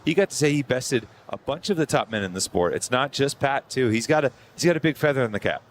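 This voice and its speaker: A man's voice: medium pitch, expressive, fast talker, a little hiss or hum. A man giving conversational live sports analysis as a co-commentator, often repeating words as he gets going.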